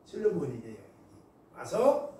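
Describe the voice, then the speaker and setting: A male pastor preaching a sermon, telling stories in an animated way and acting out the voices. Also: on the high side, moderate pace. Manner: animated storytelling, acts out voices. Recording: echoey hall from far off, faint noise.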